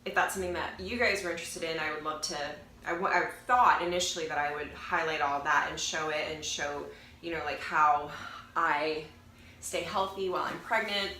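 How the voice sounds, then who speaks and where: At normal speed, her low voice comes across pushed and bright, though nasal and congested from a cold she's getting over. The young woman chats casually to camera as a fitness vlogger, rambling and correcting herself, recorded with roomy echo and faint noise.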